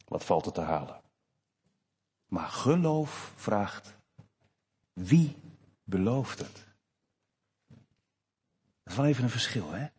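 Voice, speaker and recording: A man preaching a sermon to his congregation in a church, slow and emphatic with expressive rises. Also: lowish voice, husky. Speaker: pastor. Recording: long church reverb.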